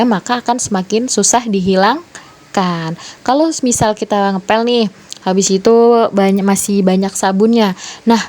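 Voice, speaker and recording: A woman's voice: mid-range voice, darkish tone. A young woman from Indonesia, a student teacher giving a primary school lesson and patiently explaining step by step with questions to the class.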